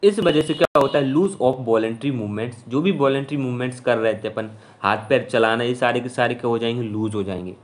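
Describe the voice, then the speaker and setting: A man's voice: mid-range voice, normal speed, few pauses. Male lecturer, casual explainer tone, mid-range voice, keeps asking "okay?". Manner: chatty teaching, constant "theek hai" check-ins; mixes English terms into Hindi speech. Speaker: physiology lecturer.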